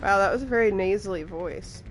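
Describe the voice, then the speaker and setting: A woman's voice: medium pitch, a little fast. A young woman chatting and laughing as she comments on her own live game play. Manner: chatty, laughs often, reacts loudly to gameplay. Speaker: streamer.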